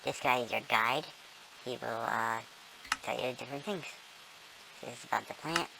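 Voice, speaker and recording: A gamer rambles casually through a tour of their build, using plenty of ums and self-corrections, with a voice-morphing filter making them squeaky and small like a squirrel. The pace is normal and the voice creaky. The clip is very noisy.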